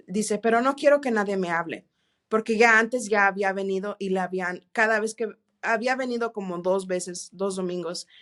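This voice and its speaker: A woman telling her faith testimony in an interview, earnest and halting, with many restarts and English words mixed in. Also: mid-range voice. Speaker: interview guest. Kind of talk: testimony in a church podcast interview.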